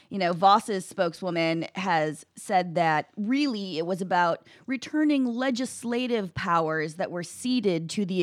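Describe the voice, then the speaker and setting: A woman's voice: fairly low pitch, dry recording, studio quality. A woman panelist in a political discussion, giving incredulous, critical commentary.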